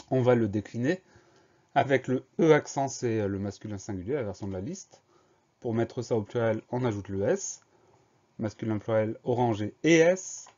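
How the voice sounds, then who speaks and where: A man's voice: medium pitch, warm tone, muffled recording. A man teaching a spelling lesson, explaining each word patiently and spelling it out letter by letter.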